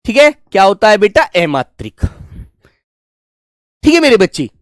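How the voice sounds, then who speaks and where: Male coaching teacher, affectionate and lively in pitch, repeats drills, dry booth-like recording. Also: normal speed, no room sound. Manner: affectionate, calls listeners "my dear children"; repeats and drills sounds aloud. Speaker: Hindi teacher. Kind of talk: exam coaching lesson.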